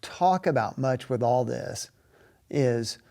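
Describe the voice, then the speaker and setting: Slow-talking man co-hosting a podcast. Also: medium pitch, animated, vocal fry, warm tone. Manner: agreeable, halting, short interjections. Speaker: podcast co-host. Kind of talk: casual podcast chat.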